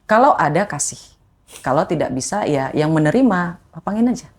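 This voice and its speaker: A woman being interviewed, telling a personal story in a lively, emotional way and acting out what people said to her. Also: low voice, brisk, slightly rough. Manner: animated, emotional storyteller who acts out quoted lines. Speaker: interview guest, former ride-hail driver.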